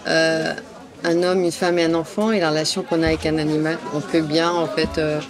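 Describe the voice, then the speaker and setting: At an outdoor summer event, a French woman answers a street interviewer's questions hesitantly, full of fillers and restarts. Her voice sits low with a flat delivery and brisk pace, while crowd chatter fills the background.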